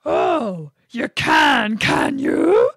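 A woman voicing a gruff male bear who growls his words slowly and loudly. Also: high-pitched, big pitch swings, no echo, studio quality, voice pushed up, heavily acted. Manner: growling, loud and slow.

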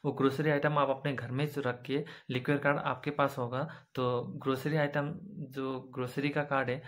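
A young man vlogs about army canteen cards, casually explaining their benefits with frequent filler pauses in a flat, mid-range voice. He's filmed on a phone camera held at arm's length in an indoor room with bright windows behind him.

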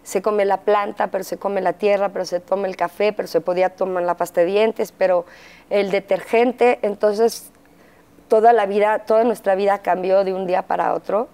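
A middle-aged woman with a Mexican accent telling her story as an interview guest, pausing often with fillers and acting out quotes. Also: mid-range voice, steady tone, darkish tone, clear, resonant tone. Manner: halting, frequent fillers, acts out quotes. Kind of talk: candid interview testimony.

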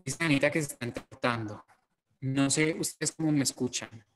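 A man teaching an online class over a video call, his audio choppy and cutting out, talking in an unhurried way with fillers. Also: mid-range voice, fairly bright tone, a little hiss or hum. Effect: choppy, breaking-up video-call audio.

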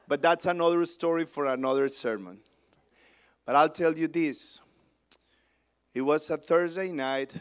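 A male pastor preaching a sermon, swinging between loud proclamation and hushed storytelling. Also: on the high side.

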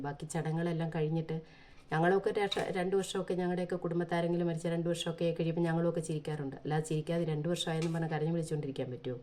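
A woman with a low, mellow voice speaks in an earnest, pleading monologue. She is from Kerala and drives her points home with one rhetorical question after another. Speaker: vlogger. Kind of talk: impassioned opinion monologue.

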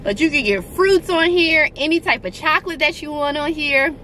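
A woman's voice: high-pitched, pushed and bright, slight background noise. A woman co-hosting a food vlog, chatting casually and enthusiastically while tasting a dessert. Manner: enthusiastic, drawn-out delivery. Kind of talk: casual food review chat.

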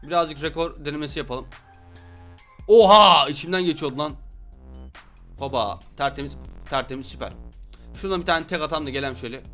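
A young man with a high, bright voice calls his game as he plays it, loud and full of jokes, cursing at his rivals. Faint game music runs under his voice. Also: fast talker, pauses often. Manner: loud, joking, swears at opponents. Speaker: gaming YouTuber. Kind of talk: excited gameplay commentary.

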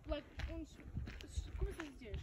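A woman chatting casually on a hike, hesitant and searching for her words. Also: darkish tone. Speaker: hiking companion. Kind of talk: casual chat. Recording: dull lo-fi sound from a distance.

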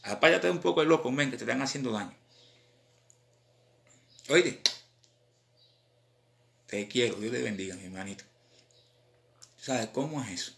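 A man with a Cuban accent, a rapper chatting casually on a live stream in animated, slang-filled talk. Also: mid-range voice, normal speed, creaky, pauses often, slight background noise. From Cuba.

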